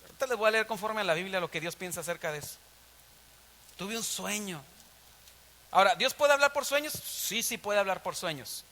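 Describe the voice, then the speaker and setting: A man with a Mexican Spanish accent preaching a sermon as pastor, animated and full of rhetorical questions. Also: sits high, fast talker, long reverb tail.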